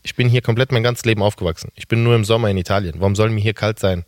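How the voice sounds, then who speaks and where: Guy in his 30s rambling on a podcast, kinda low voice, laughs at himself, dry close sound. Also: very fast, no room sound. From Germany. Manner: rambling, candid, self-mocking. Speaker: guest. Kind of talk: casual podcast conversation.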